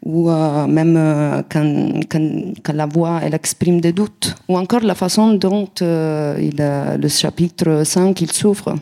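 A woman's voice: low voice, steady tone, takes it slowly, gravelly, few pauses, dark tone. A woman from a reading group explaining her group's observations about a novel, with frequent hesitations. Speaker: student reader asking a question. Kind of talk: prepared question with quotes read aloud.

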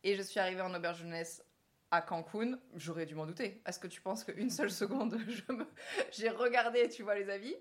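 A young woman hosting a casual podcast chat, telling travel stories with a lively, laughing manner. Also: mid-range voice, brisk. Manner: lively storyteller, laughs often. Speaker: podcast host.

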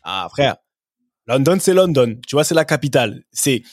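A man's voice: mid-range voice, very animated, moderate pace, dry recording, studio quality. A man who is a former professional footballer, a guest telling anecdotes in a casual podcast chat and often adding "tu vois".

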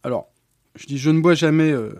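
A man's voice: on the high side, darkish tone, no echo. A man who is a guest on a podcast, an event announcer and speaking coach, chatting casually with enthusiastic exclamations. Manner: enthusiastic, frequent exclamations and quick agreement. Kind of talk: casual interview chat.

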